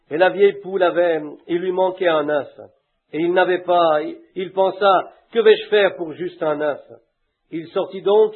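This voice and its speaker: A man's voice: high-pitched, husky. A man preaching a sermon fervently, breaking into hallelujahs and imitating a duck and a hen. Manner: fervent, with shouted hallelujahs and imitated animal calls. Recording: tinny phone-like lo-fi recording.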